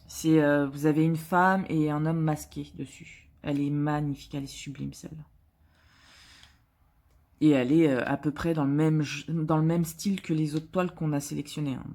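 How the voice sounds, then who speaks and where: A woman's voice: sits low, steady tone, normal speed, warm tone. A woman vlogger chatting casually while she works on a craft, hesitant, with many filler sounds and restarts, and joking at her own expense. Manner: chatty and self-mocking. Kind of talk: casual chat while diamond painting.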